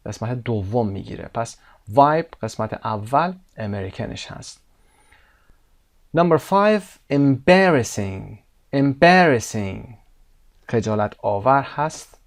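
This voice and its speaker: A man teaching English to Persian speakers, saying each word slowly and with emphasis, then explaining it quickly. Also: medium pitch, expressive. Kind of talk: language lesson explaining vocabulary and pronunciation.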